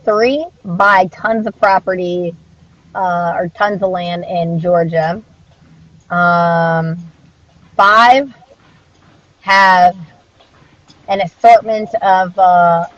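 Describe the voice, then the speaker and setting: A woman speaking as an interviewed dog trainer in a casual conversational style, earnest and reflective in an informal way. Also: lowish voice. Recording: dull, muffled lo-fi audio.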